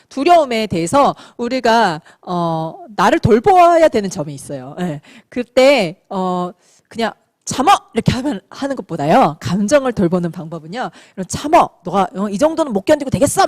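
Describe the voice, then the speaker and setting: A middle-aged woman giving a motivational seminar talk to a room, animated and quick to act out the voices she quotes, with soft laughs along the way. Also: on the high side, no echo. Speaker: speaker at a sales company seminar.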